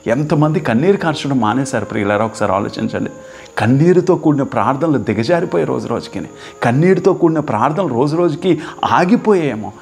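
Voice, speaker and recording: A man preaching a fervent sermon as pastor, swinging from urgent, high repeated cries to slow, hushed passages. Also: animated, vocal fry.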